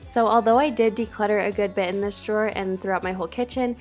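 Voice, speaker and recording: A woman's voice: medium pitch, fairly even intonation, fast. A young woman narrating her home decluttering vlog in a chatty, encouraging voice-over, often repeating words for emphasis. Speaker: home cleaning vlogger. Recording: faint background music.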